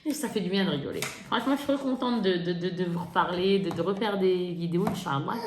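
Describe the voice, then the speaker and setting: A beauty vlogger shows off her makeup haul, chatting casually and lively, laughing often and making fun of herself. She talks fast in a lowish voice, in an echoey room with faint noise.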